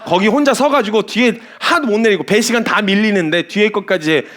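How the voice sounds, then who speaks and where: A man who is a missionary preacher, giving a sermon full of lively stories. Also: high-pitched, brisk. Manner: animated, storytelling.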